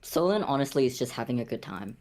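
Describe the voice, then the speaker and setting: Woman, tabletop player, deep voice, amused, chuckling. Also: sing-song, quick pace, a little mellow. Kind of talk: casual tabletop role-play chat.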